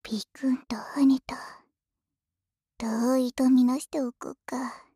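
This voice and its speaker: A woman voicing a teasing young wife who uses magic, speaking in a soft, close whisper in an ASMR roleplay. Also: high voice, level tone, takes it slowly, breathy edge, no room sound, heavily acted.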